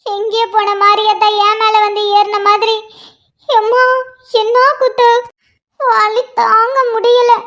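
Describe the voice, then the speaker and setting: A woman's voice: very high-pitched, little pitch movement, slow, long pauses, fairly bright tone, lo-fi sound, full character voice. A woman voicing a panicky young woman terrified of needles, who pleads and wails over and over in a cartoon. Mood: grumbling. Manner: pleading, wailing, repetitive begging.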